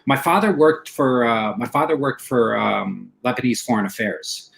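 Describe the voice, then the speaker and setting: A man's voice: mid-range voice, normal speed, vocal fry, a bit bright, rough recording. Middle East-born male comedian, forties, loose rambling interview talk. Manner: rambling, repeats himself, says man a lot. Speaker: comedian guest. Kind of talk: casual interview chat.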